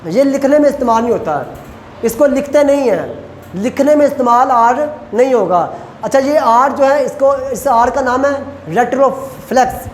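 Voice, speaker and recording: A male lecturer who teaches Chinese pronunciation, repeats syllables slowly and quizzes his students. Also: very high voice. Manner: asks students questions. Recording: echoey room, faint ambient noise.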